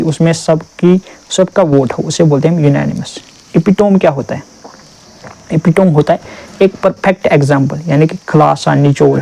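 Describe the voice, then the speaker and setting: A man teaching exam vocabulary, reading English definitions slowly and drilling each term with repeated questions. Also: on the high side, creaky, mellow, low-quality recording.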